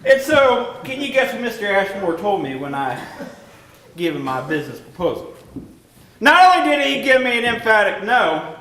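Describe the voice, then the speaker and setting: A stage actor playing a self-righteous, pompous 1840s slaveholder who lectures the audience in a live play. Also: male voice, sits high, very animated, normal speed, bright, forceful tone, full character voice. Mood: indignant. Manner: pompous, indignant, addresses the audience. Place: theatre stage. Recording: echoey stage recorded from far off.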